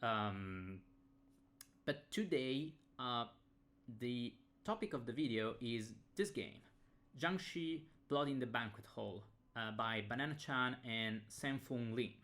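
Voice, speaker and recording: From Italy, this game designer speaks with an Italian accent, his first language being Italian, in a medium-pitched, fairly bright voice with lively intonation. Unboxing a game casually on a webcam, he hesitates often, pausing, using fillers and restarting.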